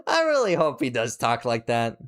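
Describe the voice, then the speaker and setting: A man chatting casually on a reaction stream, excitable, swearing, and restarting his sentences as he rambles. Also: mid-range voice, moderate pace.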